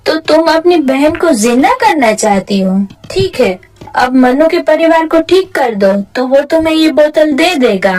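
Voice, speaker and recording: A plucky magical boy hero gives bold orders in a high voice, as a woman acts him out. He takes charge of a cartoon fight with confident commands. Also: expressive, a little slow, a little mellow. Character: brave male magical helper boy.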